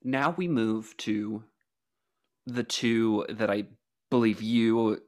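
Slow and fairly even in intonation, this man's fairly low voice belongs to a podcast co-host. His humor in the casual comedic chat is mock-formal and self-deprecating, punctuated by frequent laughter.

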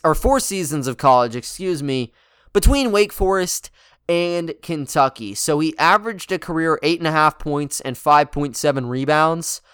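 A man with a smooth, clean voice set a little higher than most delivers informal sports commentary as a podcast host. He talks conversationally, and the sound is dry and close, free of room echo. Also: fairly bright tone. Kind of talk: casual basketball commentary with a sponsor read.

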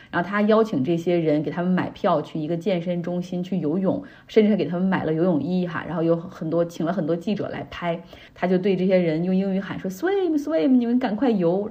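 A woman's voice: lowish voice, a little mellow, dull audio. A woman hosting a podcast, explaining the news in a chatty, explanatory way with frequent tag particles. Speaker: podcast host. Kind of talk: casual news commentary.

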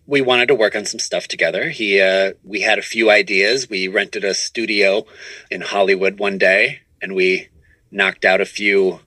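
As a podcast guest in a casual interview, this improv comedian and producer rambles and self-corrects through repeated false starts from his home studio. His lowish voice is pushed and bright, with fairly even intonation and a moderate pace. The recording is dry and low quality.

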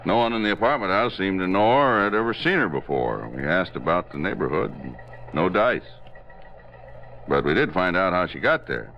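A man's voice: deep voice, sing-song, normal speed, dull audio. A man playing a terse, matter-of-fact police robbery sergeant in 1950s radio drama style.

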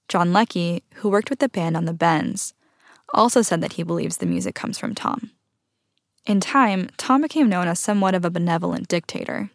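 A woman hosts the program, reading scripted narration with a measured delivery. Her voice sits low and carries a gravelly edge. The sound is close and dry. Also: no echo. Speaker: host, narrator.

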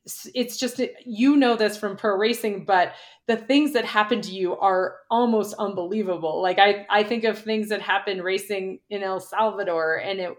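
A middle-aged woman, a former pro cyclist and coach, chatting casually in an interview and telling stories with lots of "like". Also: mid-range voice. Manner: chatty, quick storyteller with frequent "like".

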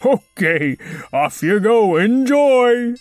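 A woman's voice: a little high, big pitch swings, slow pace, a little mellow, no echo, faint music behind, pitched above the performer's own voice. A woman voicing a jolly but pushy male mammoth Santa in a children's story. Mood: brusque. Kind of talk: storybook character voice.

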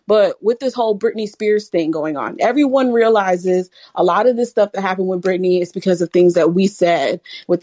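Female caller, average pitch, dry audio. Informal, rambling opinion chat, thinking out loud. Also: no room sound.

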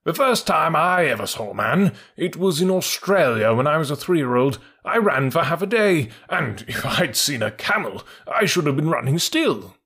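A man's voice: a little high, very animated, normal speed, hardly any pauses, a bit bright, husky, voice pushed up, full character voice. A man voicing a proud, dignified male cavalry troop horse in a storybook, speaking in a stately way. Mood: steady. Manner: indignant and stately.

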